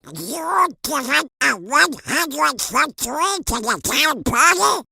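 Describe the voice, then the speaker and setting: A woman's voice: high voice, sing-song, slow pace, creaky, pushed and bright, no room sound, studio quality, exaggerated voice. A woman voicing a put-upon male duck uncle in a cartoon comic dub. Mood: puzzled, placating. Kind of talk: comic book fan dub.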